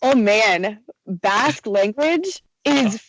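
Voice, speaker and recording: A woman's voice: fairly high pitch, animated, takes it slowly, slight background noise, poor audio. A woman audiobook narrator and voice actor talking in an interview, chatty, with many fillers, restarts and easy laughs. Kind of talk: conversational interview.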